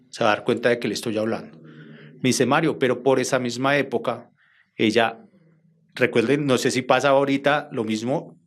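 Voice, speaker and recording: A Colombian man, a journalist, recounts a strange episode to his interviewer at a mid pitch. He tells it in a lively way, acting out each quoted line of the conversation as he goes. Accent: Colombian Spanish. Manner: animated, acts out quoted dialogue. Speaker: journalist guest. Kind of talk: storytelling interview.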